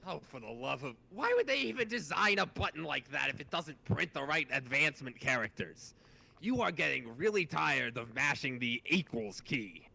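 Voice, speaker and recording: A man's voice: a little high, animated, moderate pace, creaky, bright, forceful tone. A man reading a webcomic's narration aloud in a dry, exasperated way.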